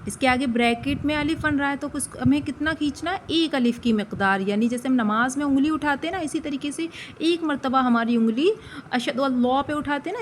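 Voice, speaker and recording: A woman with a Pakistani Urdu accent teaching a recitation lesson, slowly sounding out letters and asking questions back to the learner. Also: high-pitched, a little hiss or hum. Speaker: Quran reading teacher.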